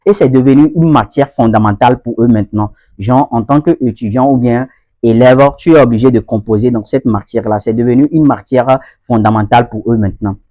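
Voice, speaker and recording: A man's voice: medium pitch, a little fast, warm tone, no room sound. Man, casual lesson host, repeats himself, checks viewers understand, dry close sound. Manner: repetitive, addresses viewers directly with frequent checks for understanding. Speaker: host of an English-learning channel. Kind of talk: casual explanatory video lesson.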